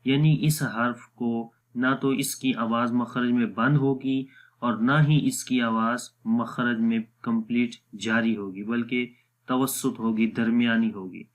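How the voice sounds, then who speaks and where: Slow, patient man teaching pronunciation. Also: medium pitch, steady tone. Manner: drawn-out demonstrative pronunciations of letters. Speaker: Quran recitation teacher. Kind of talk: slow explanatory lesson.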